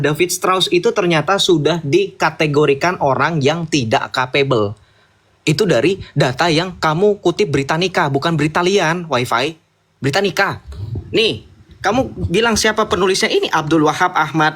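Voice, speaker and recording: A man with a somewhat high voice, debating in a combative, mocking way. He talks fast and keeps challenging the other side, and he stops now and then to read passages aloud. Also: a bit bright. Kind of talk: heated debate.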